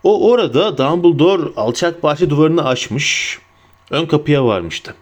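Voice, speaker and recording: A man narrating an audiobook in an expressive storytelling manner, slowing down for emphasis. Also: a little high.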